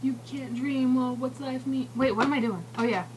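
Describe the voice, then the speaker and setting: A woman's voice: sits high, steady tone, normal speed. A woman chatting with a friend in a dry, teasing way. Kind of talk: casual chat among friends. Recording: from far off, room noise.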